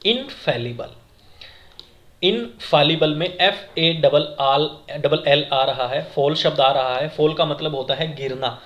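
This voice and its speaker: A man's voice: a little high, a bit bright. A man teaching exam vocabulary, asking questions and repeating the answers to his viewers. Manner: asks questions then repeats the answer, addressing viewers as friends. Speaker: exam-prep English teacher. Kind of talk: classroom lesson, explaining words.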